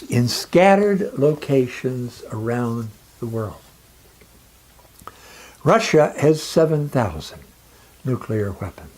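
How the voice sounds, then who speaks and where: Here the monologue is scripted and dramatic, spoken in a mid-range voice. The speaker leans into a solemn, forceful, orator-like manner, placing pauses with care.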